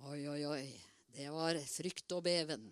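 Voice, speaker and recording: A middle-aged woman preaching a sermon in a lively, conversational way, with many asides and repeated words. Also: low-pitched, clear, resonant tone, no echo.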